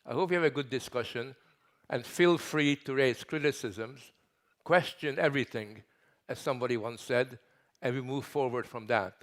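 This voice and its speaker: An older man from Hungary speaking at a conference lectern on a headset mic, emphatic, building lists with pauses. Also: medium pitch. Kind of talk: welcome speech at a conference.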